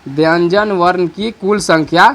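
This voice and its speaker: With a high, fairly bright voice, this man teaches an online grammar class. His delivery is repetitive: he covers each point again and asks questions he then answers. His dictation is slow while he writes.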